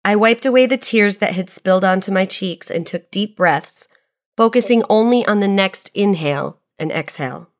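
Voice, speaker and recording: A woman reading a reflective devotional aloud, tying scripture to her own story in an earnest, measured way. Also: medium pitch.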